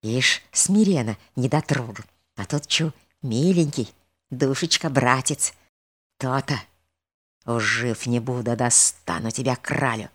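A woman voicing a sly, lustful man who gloats in a low, hushed whisper. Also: takes it slowly, full character voice. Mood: gloating.

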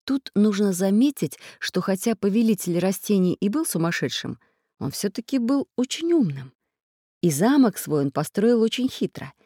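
A woman narrating a children's storybook in a lively, expressive way. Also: mid-range voice, moderate pace, no echo, studio quality. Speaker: audiobook narrator.

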